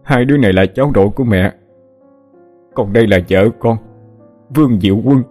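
A man's voice: lowish voice, fairly quick, a little mellow, soft background music, lightly acted. A man voicing a grown son who returns home after decades, speaking in a choked, sobbing, pleading way. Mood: earnest. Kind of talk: audiobook character voice.

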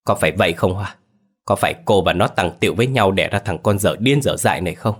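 A man's voice: sits low, fast. A man voicing a vengeful old man who commands corpse spirits, speaking in a menacing roar. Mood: furious. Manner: roaring, menacing.

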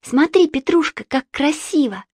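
A woman voicing a timid little girl who pleads in a high, breathless voice. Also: animated, normal speed, a little mellow, no room sound, studio quality. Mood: delighted.

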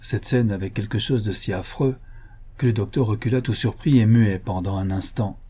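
Dark, husky male audiobook narrator. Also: on the low side, normal speed.

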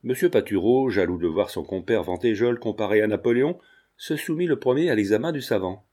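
A man narrating an audiobook with a measured, expressive reading. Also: fairly low pitch.

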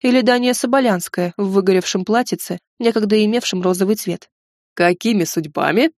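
A woman's voice: mid-range voice, brisk, darkish tone, no echo, clean studio sound. Woman reading a wry fantasy audiobook. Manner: wry, ironic storytelling. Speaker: audiobook narrator.

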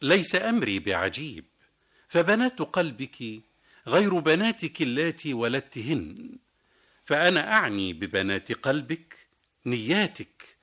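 A man's voice: medium pitch, big pitch swings, a little slow, fairly bright tone. A man presenting a scripted radio literary program in formal classical Arabic, telling anecdotes and quoting verse.

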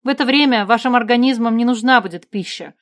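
A woman's voice: fairly high pitch, moderate pace, pitched above the performer's own voice, close to an everyday voice. A woman reading a fantasy audiobook, voicing a commanding and resolute young queen with magic powers in a raised voice. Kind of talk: audiobook character voice.

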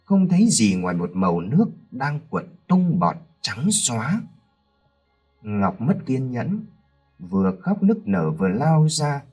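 A man narrating a horror story in a dramatic, expressive way. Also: mid-range voice, measured pace, husky, faint music behind.

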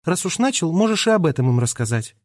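A man reading aloud puts on a raised, bright-edged voice for a shy, defensive teenage girl who turns into a parrot. She answers quickly, in a dry, close storybook reading. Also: on the high side, big pitch swings, dry recording, pitched above the performer's own voice.

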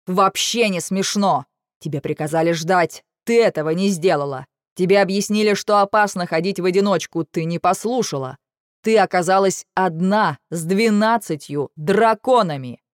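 A woman's voice: deep voice, a little fast, dark tone, no echo, studio quality. A woman voicing a young male dragon who is caring but stern, patient at first and then sharply scolding, in an audiobook. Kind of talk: audiobook narration.

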